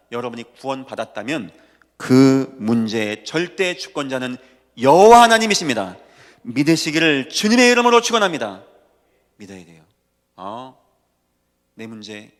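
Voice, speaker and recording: A male pastor preaching a sermon, emphatic, swinging between hushed lines and loud declarations. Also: mid-range voice. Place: church sanctuary. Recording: long church reverb.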